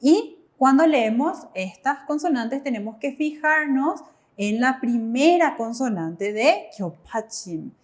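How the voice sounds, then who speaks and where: A woman's voice: high voice, lively intonation, slow pace. A woman teaching Korean, posing questions to the class and answering them herself. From Paraguay. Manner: clear, asks and answers her own questions. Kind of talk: classroom explanation.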